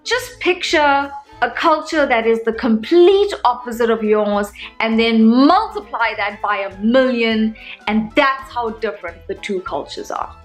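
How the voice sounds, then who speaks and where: A woman from South Africa with a South African accent, telling comic stories to camera in a sarcastic, animated way. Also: fairly high pitch. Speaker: vlogger. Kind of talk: casual comedic vlog monologue.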